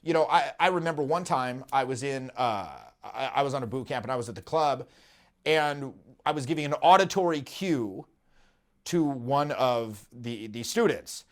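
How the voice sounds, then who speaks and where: A dating coach in his thirties hosts a casual podcast chat, telling stories with animation and acting out the voices of the people he quotes. His mid-range voice moves at a moderate pace, recorded in a dark studio.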